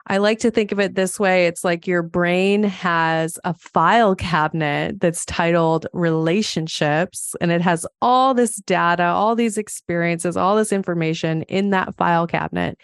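A woman's voice: on the low side, no room sound, clean studio sound. A woman from Montana hosting a solo podcast as a psychologist, chatty and explanatory. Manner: chatty, explanatory, laughs now and then.

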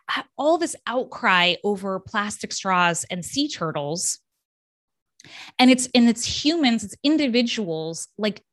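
A woman's voice: a little high, a bit bright, dry recording, studio quality. A woman hosting her own podcast, talking passionately and emphatically, often checking in with her listeners with tag questions. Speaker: podcast host. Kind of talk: solo podcast monologue.

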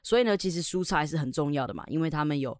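An English teacher from Taiwan hosts a podcast lesson, speaking very fast in a low, expressive voice. She is upbeat and chatty and explains words step by step. The recording is studio quality with no echo.

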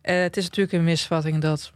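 A man hosting a casual podcast, animated and joking, stumbling over restarts. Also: on the high side, fast talker, no echo, clean studio sound. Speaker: podcast host. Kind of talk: casual podcast chat, reading song lyrics aloud.

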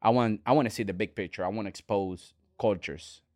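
A man, a restaurant owner talking as a guest in an earnest, halting way with many restarts. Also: on the low side, a little mellow, dry recording, studio quality. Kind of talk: casual interview talk.

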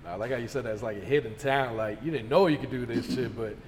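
A man's voice: mid-range voice, fast, a little mellow. A man interviewing casually, with informal, slangy and affirming talk in an echoey room. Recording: reverberant room with faint noise.

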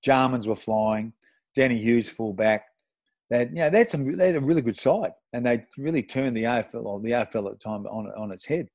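A middle-aged Australian man, a former footballer, telling an animated, sweary anecdote with self-deprecating laughs in casual podcast chat. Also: medium pitch, brisk, no room sound. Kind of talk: casual storytelling.

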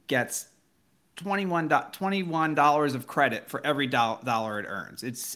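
A man with a bright, forceful voice of middling pitch hosts a finance podcast. He talks conversationally, feeling his way through questions in a halting, self-rephrasing manner. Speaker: financial reporter, podcast host.

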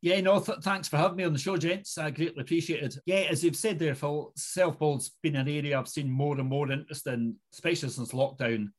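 Middle-aged man with a Scottish Highland accent. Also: fairly quick, few pauses. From Inverness, Scottish Highlands. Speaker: guest mortgage expert. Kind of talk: conversational expert interview.

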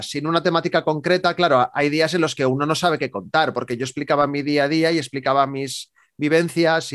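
Spanish guy from spain, kinda high voice, rambles with lots of fillers. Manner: chatty, many restarts and fillers. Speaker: podcaster guest. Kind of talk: casual interview chat.

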